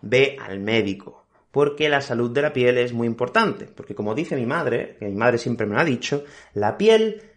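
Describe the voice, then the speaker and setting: A young man from Spain with a Spanish accent, hosting a Spanish lesson podcast, repeating key words slowly and checking in with learners. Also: mid-range voice. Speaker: Spanish teacher, podcast host. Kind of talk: slow, clear teaching podcast for learners.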